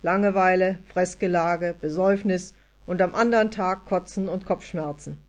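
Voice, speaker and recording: A woman's voice: lowish voice, fairly even intonation, normal speed, darkish tone, close to an everyday voice. A woman doing a grumpy grumbling forest elf. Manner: sullen, grumbling.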